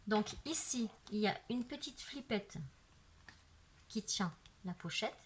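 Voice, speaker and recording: Speaking slowly in a mid-range voice with lively intonation, a woman presents her handmade craft album page by page, filling her casual talk with "voilà" and "euh". She makes craft videos, and the tripod-mounted camera picks up a little hiss or hum.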